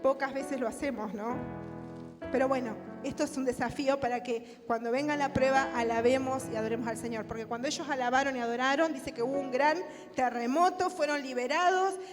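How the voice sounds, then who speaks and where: Rioplatense woman preacher, high voice, rhetorical questions to the pews, long church reverb, music behind. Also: fairly quick. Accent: Rioplatense Spanish. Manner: asks the congregation rhetorical questions. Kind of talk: sermon and closing prayer. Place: church hall.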